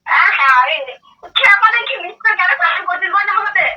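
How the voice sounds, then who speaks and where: Over a muffled, faraway telephone connection, a young woman who has been prank-called speaks in a very high, bright and forceful voice with lively intonation. She talks fast and casually, pressing with questions and saying the same things again and again.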